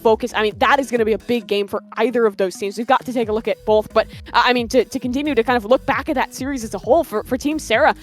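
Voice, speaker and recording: A woman working as an esports caster, giving energetic, emphatic match commentary and analysis. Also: a little high, fast talker, few pauses, faint music behind.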